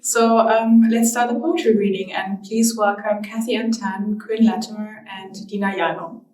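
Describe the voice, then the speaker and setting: A woman's voice: medium pitch, fairly even intonation, moderate pace, a little mellow. A woman hosting a museum event, welcoming the audience hesitantly with many uhs. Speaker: museum host. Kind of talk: welcome speech. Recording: roomy, distant from the mic.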